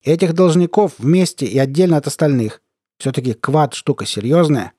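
A man voicing a mocking, sly middle-aged army colonel who talks in a squeaky, lisping, cooing baby-talk voice. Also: normal speed, mellow, dry recording, clean studio sound, natural voice. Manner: mocking, taunting.

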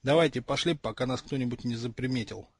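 Figure: brisk, confident schoolboy wizard, read by a man. Quality: husky. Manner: offhand. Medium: audiobook. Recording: dry. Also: mid-range voice, no echo.

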